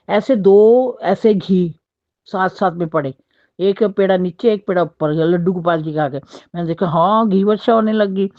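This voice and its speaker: A woman's voice: lowish voice, dry recording. Older woman, rambling storyteller, dull lo-fi sound. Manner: rambling, repetitive, acts out quoted dialogue. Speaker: devotee sharing a personal experience. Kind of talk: casual spoken storytelling.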